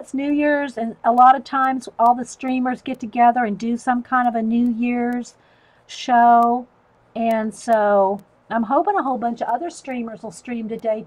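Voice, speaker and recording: Drawing on a livestream, a middle-aged woman talks casually with her viewers and laughs frequently. Her voice sits on the high side with a darkish tone, and the recording is low quality.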